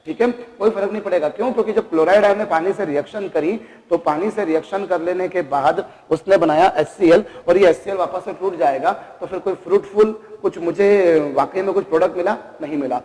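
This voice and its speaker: A man teaches chemistry, pausing to ask his students rhetorical questions and calling them kids. His voice sits high for a man. The sound carries a long reverb, as if recorded in a hard classroom. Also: darkish tone. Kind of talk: classroom lecture.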